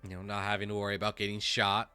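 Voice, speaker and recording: A man runs a tabletop game in a loose, halting way, full of fillers. His voice is fairly low but bright and forward. Soft music plays behind him. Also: monotone, clean tone. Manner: casual, halting, with many fillers. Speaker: game master.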